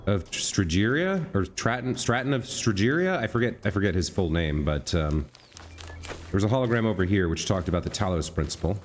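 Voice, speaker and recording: A man's voice: on the low side, lively intonation, fairly quick, slight background noise. A man giving casual let's play commentary, musing and thinking aloud as he goes. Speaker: gamer commentator.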